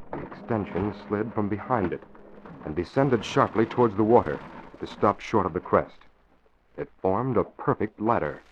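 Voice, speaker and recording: A man giving scripted, dramatic narration in the style of 1930s and 40s radio. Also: on the low side. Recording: dull old radio, faint noise.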